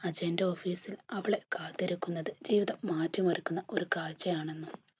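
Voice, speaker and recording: A woman telling a scripted story in a hushed, breathy, husky voice. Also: fairly low pitch, fairly even intonation, normal speed, slight background noise. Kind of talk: scripted narration. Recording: dull lo-fi recording.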